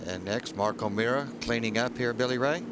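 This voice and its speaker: A man's voice: medium pitch, a little fast. A man commentating on a golf tournament as a broadcast commentator. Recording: outdoor broadcast, clear ambient noise.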